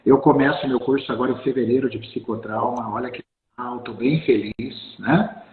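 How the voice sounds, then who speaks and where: A man hosting a live interview, talking warmly and effusively with lots of halting restarts. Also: medium pitch, phone-quality sound. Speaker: host. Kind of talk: live video-call interview. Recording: roomy, echoey sound.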